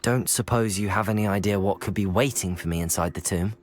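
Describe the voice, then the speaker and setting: A man's voice: low voice, a little fast, slight background noise, lightly acted. An actor playing an earnest, polite young male wizard student in a video game cutscene. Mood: earnest, focused. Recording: music under the voice. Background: music.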